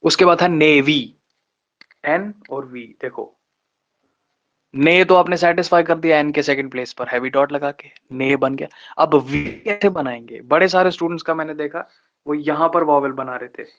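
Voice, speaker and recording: A man teaching shorthand in a live online lesson, explaining step by step with patient pauses and slowing down to spell out terms. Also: on the high side, a bit bright. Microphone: online class microphone. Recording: dull lo-fi online class audio.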